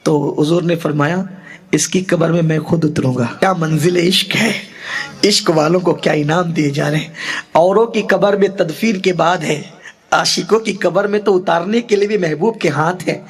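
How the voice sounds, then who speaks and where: A man with an Urdu accent preaching a sermon, telling a devotional story with emotion and slowing for recited verse. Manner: emotional, rising pitch and slowing for poetry.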